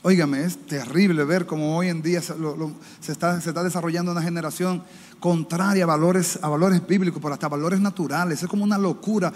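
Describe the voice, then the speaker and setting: High-voiced Dominican preacher in a reverberant hall. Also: male voice, fairly even intonation, fast, a little hiss or hum. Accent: Dominican Spanish. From Dominican Republic. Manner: impassioned preaching, voices quoted speakers higher and louder. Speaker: pastor. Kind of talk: sermon. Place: church. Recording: reverberant church hall, faint ambience.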